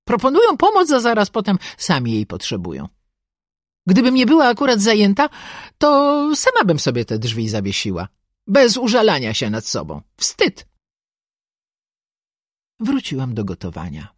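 A woman's voice: medium pitch, wildly swooping pitch, normal speed, pauses often, slightly rough, no echo. A woman narrating a first-person audiobook with a sardonic, bossy and dryly comic manner, close to the mic.

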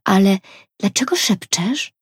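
A woman's voice: medium pitch, lively intonation, fairly quick, darkish tone, breathy edge, dry recording, clean studio sound, voice pushed up. A woman voicing a kind mother in a storybook reading, speaking in a whisper.

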